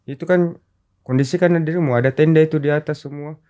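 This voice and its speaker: A man with a slightly high voice, chatting casually in an interview. He tells a story and acts out each line of dialogue as he quotes it. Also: fairly even intonation, fairly quick, dark tone. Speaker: rescue volunteer guest.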